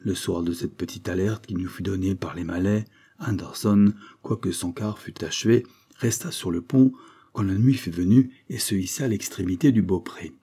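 A man reads a sea adventure aloud in a measured, descriptive manner. His voice sits low and dark, with a husky edge. The reading is steady and scripted. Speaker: narrator. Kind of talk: scripted audiobook narration.

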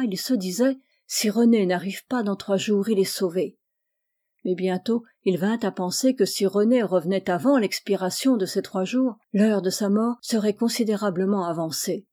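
Female narrator for a literary audiobook; mellow, mid-range, measured delivery. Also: mid-range voice. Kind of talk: audiobook reading.

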